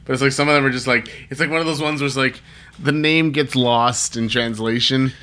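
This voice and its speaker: A man's voice: medium pitch, steady tone, a little fast, sharp tone. A man with an American accent co-hosting a podcast, chatting in a rambling, informal way. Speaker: podcast co-host. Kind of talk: casual chat about comic books.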